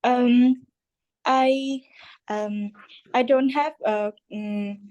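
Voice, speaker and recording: Hesitant woman student, slow and halting. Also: a little high, steady tone, darkish tone, dull audio. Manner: hesitant, many ums and uhs, searching for words. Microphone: video call.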